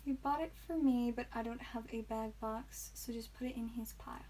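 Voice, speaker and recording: A woman's voice: fairly high pitch, steady tone, moderate pace, warm tone, slight background noise. A woman hosting a live card-opening stream, chatting and giggling with viewers, tired and a bit loopy. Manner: chatty, giggly, talks to chat viewers by name. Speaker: livestream card seller and host.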